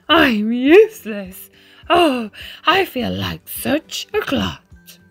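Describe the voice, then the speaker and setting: Woman as an earnest gangly giraffe, swooping pitch. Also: big pitch swings, drawn-out words, creaky, husky, soft background music, exaggerated voice. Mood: dejected. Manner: earnest, emotional. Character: shy gangly male giraffe, self-doubting, then joyful.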